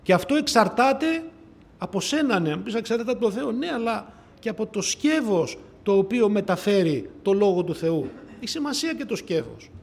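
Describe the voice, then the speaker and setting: A man with a notably high voice preaches a sermon. He asks his listeners rhetorical questions and repeats phrases for weight. His delivery moves from loud declarations to quiet, low asides. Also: very animated, creaky, a little hiss or hum. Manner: swings between loud declarations and soft asides.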